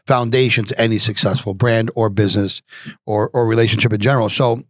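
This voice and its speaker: A man's voice: fairly low pitch, steady tone, quick pace, no room sound. A man hosting an interview podcast in a studio, chatty and upbeat. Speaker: podcast host. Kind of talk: interview conversation.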